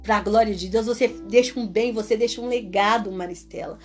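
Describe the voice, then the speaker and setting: A woman's voice: medium pitch, fairly even intonation, a little fast, soft background music. A woman preaching in a conversational way, emphatic and repetitive, with many rhetorical questions. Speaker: preacher leading a religious talk.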